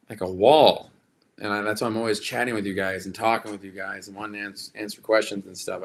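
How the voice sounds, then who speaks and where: A man hosts a live chat with viewers as a livestream host, his slightly raspy voice quite bright and forward and pitched somewhat low. His talk is loose and rambling, packed with fillers and restarts.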